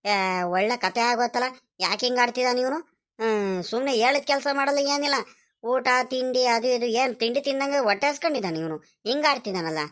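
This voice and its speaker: A woman plays a worried village man in an animated cartoon, scolding and grumbling. His voice sits fairly high for a man. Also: normal speed, natural voice. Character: fretful village man, the rich man's brother-in-law.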